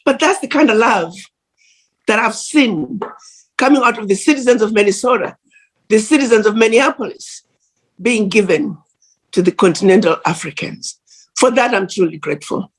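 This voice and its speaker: A woman speaking at a virtual conference, delivering an earnest, measured address over a video call. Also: a little high, breathy edge. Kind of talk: formal address.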